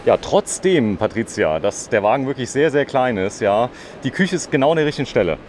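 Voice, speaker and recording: A reporter conducts a casual, chatty on-site interview inside a caravan at an indoor trade fair, with the noise of the busy event clearly audible. His mid-range voice is sing-song, fairly quick, and a little mellow. He keeps adding short tag questions.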